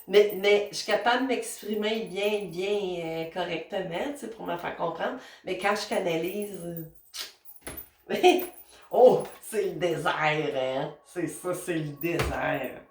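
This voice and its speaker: A woman with a Québécois accent doing a casual spiritual card reading, talking to her guides in a chatty, meandering way with many fillers. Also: on the low side. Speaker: tarot and oracle card reader. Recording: roomy and a bit distant, faint noise.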